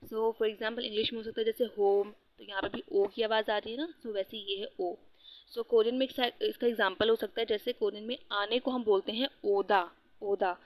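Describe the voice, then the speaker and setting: A woman's voice: fairly high pitch, level tone, a little fast, hardly any pauses, a little mellow, dry recording. A young woman teaching a beginner language lesson, patiently repeating sounds and checking in often with "okay". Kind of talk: beginner lesson, Hindi mixed with English.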